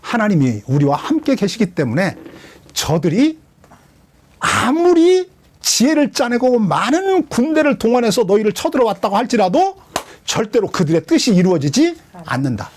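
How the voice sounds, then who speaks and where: A pastor whose voice sits high speaks at a moderate pace through an expository sermon. Animated throughout, he questions those listening and dramatizes the lines he quotes.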